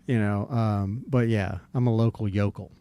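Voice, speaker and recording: This Jacksonville, Florida man hosts a podcast full of casual, meandering talk, describing himself as a redneck while he drags out his stories. His voice runs low-ish, smooth and dark, with a steady tone.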